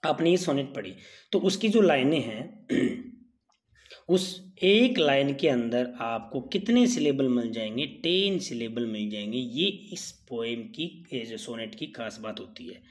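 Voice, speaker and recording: A man's voice: mid-range voice, unhurried. Male teacher quizzing his students. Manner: animated, repeats rhetorical questions and answers them. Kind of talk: exam-prep lecture.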